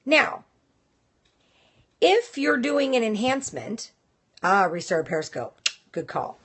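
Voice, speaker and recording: Woman, live-stream host, casual talk, direct and chatty, somewhat high voice. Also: very animated, takes it slowly, a bit bright, husky. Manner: chatty and direct, reacting to viewers.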